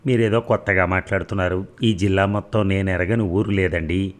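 A man's voice: deep voice, fairly even intonation, fairly quick, natural voice. A man voicing a courteous, curious male taxi driver in a storybook reading. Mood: polite. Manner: courteous, respectful address.

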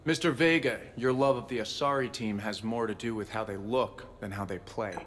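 An actor playing an easygoing military pilot with friendly, dry teasing in a video game. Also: male voice, lowish voice, normal speed, fairly bright tone, natural voice. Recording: reverberant room with background noise.

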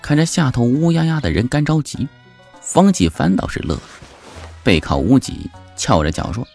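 A man narrating an audiobook novel, lively and animated, lifting his voice for excited characters. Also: moderate pace, creaky. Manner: lively storyteller, jumps high for shouting characters. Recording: background music under the voice.

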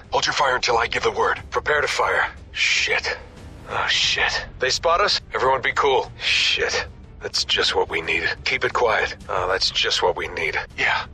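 An actor voices a battle-hardened, foul-mouthed special forces squad leader in a video game, delivering terse, commanding combat lines. His male voice is on the low side with a sharp tone, and the mood is tense and low.

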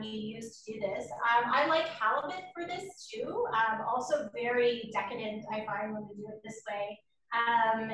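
A middle-aged woman runs a live online cooking lesson, chatty and full of ums. Her high voice comes from well across the room. The kitchen rings with heavy echo, with a faint hiss under it. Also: sharp tone. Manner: chatty, explains with frequent ums and rightss. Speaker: cooking class host. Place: home kitchen, indoors. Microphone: laptop camera mic across the kitchen. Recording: roomy kitchen echo from far off, faint noise.

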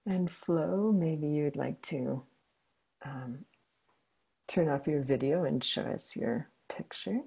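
A woman facilitating a healing session over a video call, speaking softly and encouragingly. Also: low voice, slow, creaky, breathy edge, rough recording. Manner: soft, soothing and encouraging. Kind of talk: gentle guided closing talk.

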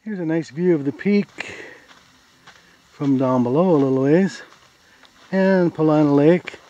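A man's voice: a little high, unhurried, mellow. Easygoing man narrating a hike outdoors. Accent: American. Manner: easygoing, plain, pointing out sights. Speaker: hiker filming a trail video. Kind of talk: casual trail narration. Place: outdoors on a forest trail. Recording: dull lo-fi camera audio.

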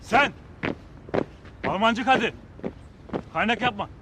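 An actor playing an impatient male military guard who scolds soldiers with sharp orders in a TV sitcom. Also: sits high, animated, slow, background noise. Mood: scolding.

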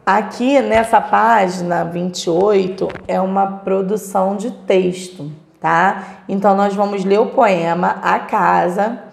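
A woman's voice: medium pitch, steady tone, slow, vocal fry. A woman teacher with a Brazilian Portuguese accent, patiently spelling out syllables for young pupils in a recorded lesson. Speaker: primary school teacher. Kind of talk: recorded remote class lesson. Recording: echoey room.

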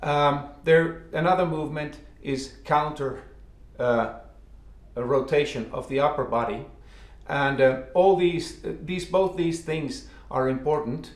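A man in his forties giving an instructional explanation as a ski instructor, halting and often repeating and rephrasing his words, recorded indoors in a living room. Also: on the high side. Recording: echoey room.

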